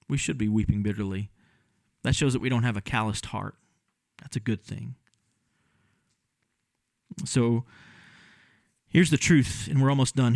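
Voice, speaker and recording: A man's voice: mid-range voice, gravelly, a little mellow, no room sound. A male pastor giving a conversational sermon and acting out scenes in different voices.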